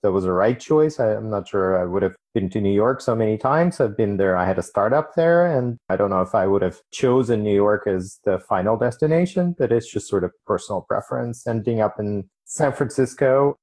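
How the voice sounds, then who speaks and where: A man from Ukraine who moved to the United States as a young adult, answering interview questions in a measured, explanatory way. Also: on the low side, expressive, a little mellow. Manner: measured, explanatory, with occasional restarts. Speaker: interview guest.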